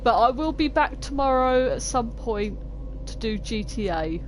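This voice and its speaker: A woman's voice: a little high, expressive, measured pace, a little hiss or hum. A woman streaming a game from home, making self-mocking jokes, swearing freely and laughing often. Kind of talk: casual live gaming commentary.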